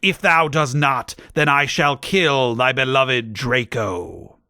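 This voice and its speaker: Guy doing an evil wizard overlord from a story, pompous thee-and-thou menace, dragged out really slow. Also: mid-range voice, bright, forceful tone, no room sound, clean studio sound. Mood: cruel, commanding. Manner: slow archaic commands, drawn out menacingly. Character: cruel, pompous male dark wizard villain.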